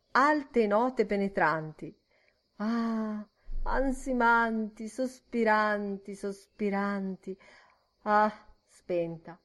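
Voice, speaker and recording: A woman narrating a literary audiobook in a measured, rhythmic reading. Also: on the low side.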